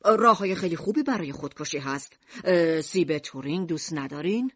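A woman voicing a gruff, irritable middle-aged male shopkeeper in an audiobook, speaking low and sarcastically. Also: expressive, fairly bright tone, dry recording, dull audio, exaggerated voice. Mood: grim sarcastic. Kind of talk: audiobook character voice.

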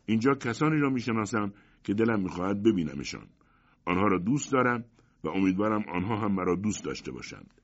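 A man's voice: fairly low pitch, very animated. A man voicing a lonely male monster who speaks politely and anxiously, pleading for friendship, in a storybook reading. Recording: dull lo-fi audiobook recording.

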